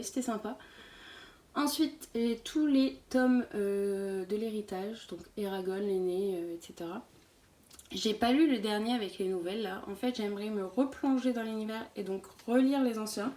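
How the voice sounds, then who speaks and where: A woman's voice: fairly high pitch, a little mellow, reverberant. A young woman giving a casual, chatty tour of her bookshelf, with many fillers. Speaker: book vlogger.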